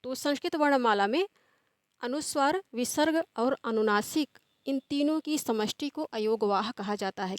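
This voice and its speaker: A woman teaching a grammar lesson, who asks questions and then answers them in a steady, explaining way, drawing out the example words slowly. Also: high-pitched, dry recording, clean studio sound.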